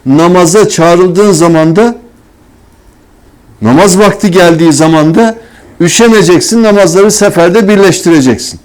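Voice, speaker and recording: A man's voice: high voice, normal speed, darkish tone. A man giving a sermon-style religious talk who asks rhetorical questions and answers them himself, often in a scolding, mocking tone. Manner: scolding, mocking tone toward hypocrites. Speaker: religious teacher.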